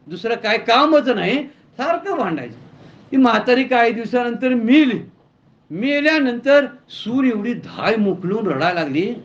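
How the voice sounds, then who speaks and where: Man, high voice, folksy preacher storytelling, muffled lo-fi recording. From Maharashtra, India. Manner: storytelling, animated, acts out quoted voices. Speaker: Bhagavata katha preacher. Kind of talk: Marathi devotional discourse with anecdotes. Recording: dull lo-fi sound.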